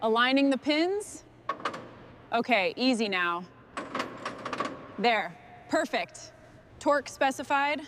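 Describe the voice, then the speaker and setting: A woman restoring machinery presents her work in short, clipped remarks and instructions to her crew. Her voice sits high with lively intonation and a fairly bright tone, and she takes it slowly with frequent pauses, over a little hiss or hum.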